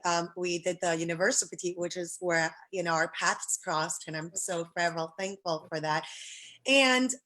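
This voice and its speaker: A woman's voice: lowish voice, a bit bright. A middle-aged woman from Puerto Rico, a pageant director, telling her story in a casual interview, earnest and grateful, with many restarts.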